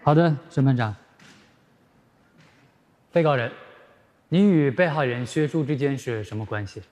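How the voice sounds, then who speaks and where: A man's voice: medium pitch, darkish tone, close to an everyday voice. An actor playing a composed male prosecutor questioning a defendant in court. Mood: formal. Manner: measured, formal questioning.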